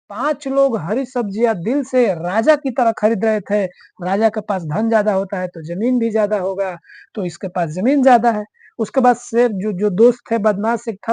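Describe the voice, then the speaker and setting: A woman's voice: fairly high pitch, a little mellow, dry recording. A woman teaching map mnemonics, who keeps asking the class questions and answering them herself. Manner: drills answers by repeating them.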